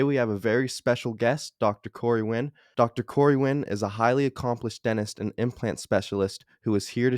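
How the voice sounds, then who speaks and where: A man's voice: fairly low pitch, a little mellow, no echo, clean studio sound. A male podcast co-host delivering a scripted introduction in an upbeat, announcer-like read.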